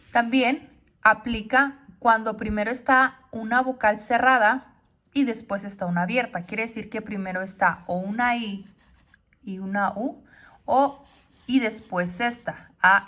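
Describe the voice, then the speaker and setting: Spanish-speaking teacher who keeps asking ¿sí?. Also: female voice, medium pitch, sharp tone. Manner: explains step by step, often asks ¿sí? to check. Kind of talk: classroom lesson on poetry.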